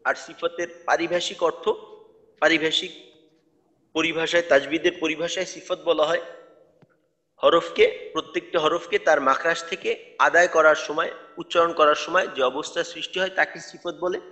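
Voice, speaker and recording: High-voiced man teaching letter sounds. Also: fairly even intonation, moderate pace, bright, forceful tone, long reverb tail. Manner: patient, repeats letter sounds to demonstrate pronunciation. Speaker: tajweed teacher. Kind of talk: recorded online lecture.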